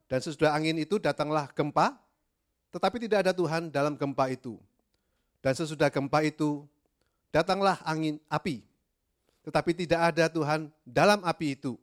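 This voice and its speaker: A middle-aged man preaching a sermon, gentle and hesitant, with many fillers and English words mixed in. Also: on the high side.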